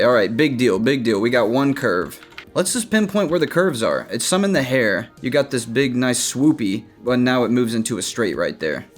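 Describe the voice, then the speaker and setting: A man breaks down artwork in a loose, casual commentary, puffing himself up with playful trash talk. His voice sits in a middle register. Soft music plays quietly behind him. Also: medium pitch. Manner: brash, mock-tough trash talk, playful. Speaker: animation character designer teaching art.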